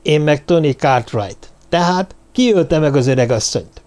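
A man's voice: on the high side, expressive, a little mellow, voice pushed up, lightly acted. A man playing a stern, insistent interrogator. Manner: firm, insistent questioning. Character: stern male investigator leading an interrogation.

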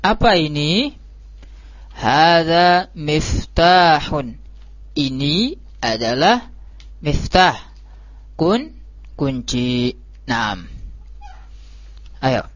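A man teaching an Arabic lesson, repeating words slowly and drawing them out for his students. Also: on the high side, no echo. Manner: slow, drawn-out repetition of words. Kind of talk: classroom lesson. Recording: dull lo-fi live stream audio.

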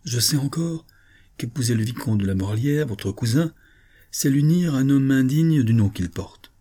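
A man's voice: mid-range voice, animated, moderate pace, dark tone, breathy edge, voice pushed up. A man reading an audiobook, voicing a composed and resolute aristocratic mother who stands up to her husband. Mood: firm. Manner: firm and composed. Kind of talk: audiobook reading of a 19th-century novel.

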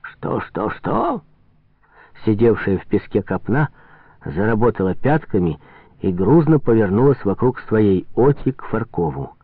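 A man reading a novel aloud as an audiobook narrator, expressive and measured. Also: lowish voice, no room sound. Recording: tinny phone-like sound, dry.

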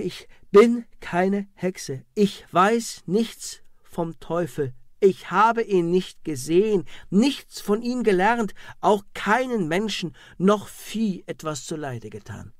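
A man's voice: fairly high pitch, sing-song, takes it slowly, pauses often, a little mellow, breathy edge, no echo, clean studio sound, full character voice. A man voicing a woman accused of witchcraft under torture, crying out and pleading in a wailing voice. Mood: pleading in pain.

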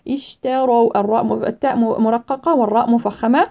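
A woman with a mellow, warm voice, a little higher-pitched than most, teaching Quran recitation. She chants each verse slowly and carefully, then stops to explain the rules in a halting way, correcting herself as she goes. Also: fairly even intonation, creaky. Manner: slow, careful recitation, with frequent hesitations and self-corrections.

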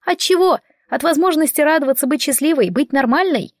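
A woman doing a high, indignant teen girl. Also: fairly quick, dry recording, clean studio sound, natural voice. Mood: indignant, pleading. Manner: pleading, indignant. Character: upset teenage girl, almost fifteen.

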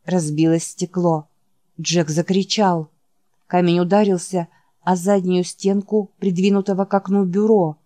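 A woman narrating an audiobook in a measured, dramatic reading style. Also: fairly low pitch, fairly even intonation, dark tone, no room sound.

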